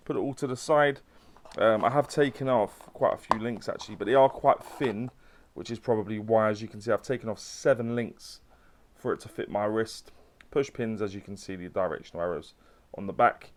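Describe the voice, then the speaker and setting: Chatty man reviewing a watch. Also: fairly low pitch. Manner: chatty, loose with fillers and restarts. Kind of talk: casual unboxing review.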